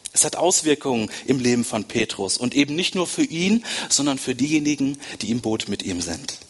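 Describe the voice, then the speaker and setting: Husky-voiced guy preaching a sermon to his church, talks right at them, repeats lines a lot. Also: mid-range voice. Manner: addresses the congregation directly, repeats phrases for emphasis. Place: church service.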